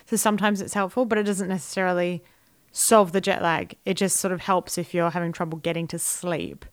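A woman's voice: lowish voice, fairly quick, dry recording, studio quality. A woman with an Australian accent chatting casually as a podcast co-host. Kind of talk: casual chat.

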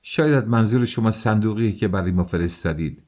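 A man's voice: on the low side, animated, warm tone. A man voicing an agitated middle-aged mother who argues sharply to protect her daughter, in an audiobook reading. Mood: indignant.

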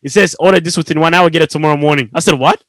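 A young man with a fairly high voice, recorded close and dry. He chats casually in loose slang, acting out anecdotes and often breaking into a giggle. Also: fairly even intonation, racing, a bit bright, no echo. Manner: slangy, says bro often, giggly storyteller. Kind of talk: casual chat, animated anecdotes.

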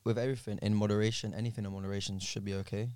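Low-voiced young London man. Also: level tone, racing, warm tone, smooth, no echo. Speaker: podcast guest. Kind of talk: casual discussion.

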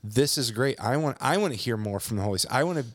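A man's voice: mid-range voice, lively intonation, fast talker, no echo, studio quality. A man co-hosting a casual faith podcast, speaking earnestly and encouragingly with frequent restarts. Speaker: podcast co-host.

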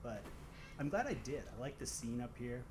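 Michigan-accented man chatting amid clear noise. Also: medium pitch, very animated, moderate pace. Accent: Michigan, Great Lakes American. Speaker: stand-up comedian guest. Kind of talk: casual chat. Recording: noisy background ambience.

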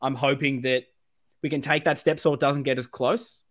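Hosting a football fan podcast, this broad-accented Australian man talks at a normal speed in a mid-range, slightly bright voice with a flat delivery. Even so, his talk is rambling, sweary, emphatic and full of passion.

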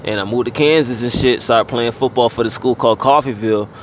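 A man in his thirties from Fort Lauderdale, a rapper talking in a relaxed, casual way, full of fillers and loose swearing. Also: medium pitch, fairly quick, a little hiss or hum. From Fort Lauderdale, Florida. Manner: laid-back, heavy on fillers and casual swearing. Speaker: guest rapper. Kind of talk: casual interview chat.

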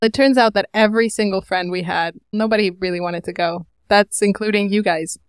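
A woman's voice: medium pitch, steady tone, a little fast, clean tone, no echo, clean studio sound. A woman, a podcast correspondent, telling a wry story in a chatty way.

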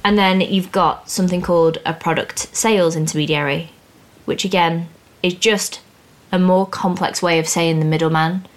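A young woman hosts a casual finance podcast, breaking exam topics down in plain, upbeat talk. Her voice sits a little low. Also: steady tone, normal speed, few pauses. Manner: explains plainly, chatty and upbeat. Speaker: podcast host teaching finance exams.

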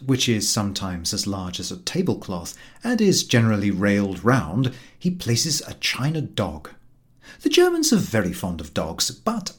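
Here an audiobook narrator with a medium-pitched voice tells a comic story. His manner is expressive and steadily measured.

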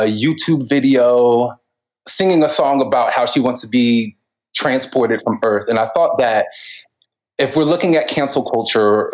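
A man's voice: mid-range voice, rough recording. A man co-hosting a podcast, talking through cultural commentary in a thoughtful way, with frequent laughs and restarts. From United States. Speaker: podcast co-host. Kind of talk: casual cultural commentary chat.

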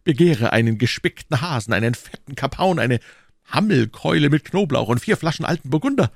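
A man's voice: mid-range voice, lively intonation, a little fast, creaky, no room sound, studio quality, voice pushed up. A man voicing a young musketeer in an audiobook, theatrical and declamatory, swinging between gloom and rapture. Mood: blustering. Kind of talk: audiobook character voice.

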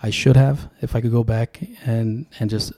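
This podcast guest, a political candidate from Sacramento, California, first spoke Tongan. At a moderate pace, his dark, mellow, creaky voice sits at an ordinary middle pitch as he tells stories in a relaxed, reflective way during the casual conversation.

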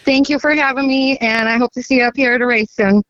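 A woman's voice: a little high, steady tone, quick pace, a bit bright, dry recording. Upbeat woman guest on a muffled line. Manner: upbeat, promotional. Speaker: guest, racetrack owner. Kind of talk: casual interview.

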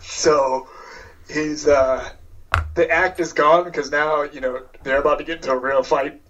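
A man with a fairly high voice describes his character's moves in a tabletop game, pausing and hedging as he goes. He sounds distant from the mic, and the call audio is dull. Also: fairly even intonation, noisy background. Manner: casual, hesitant storytelling. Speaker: player.

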